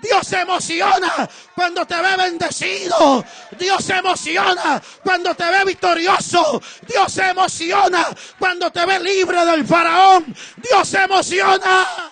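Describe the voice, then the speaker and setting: A man preaching an impassioned sermon as pastor, shouting emphatic, repeated refrains. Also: very high voice, fairly even intonation, measured pace, hardly any pauses.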